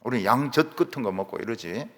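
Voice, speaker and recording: A male pastor with a Gyeongsang accent preaching a sermon in a church, telling stories in an animated way and acting out the voices he quotes. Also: medium pitch, fairly quick. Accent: Gyeongsang Korean. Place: church sanctuary. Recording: reverberant church hall.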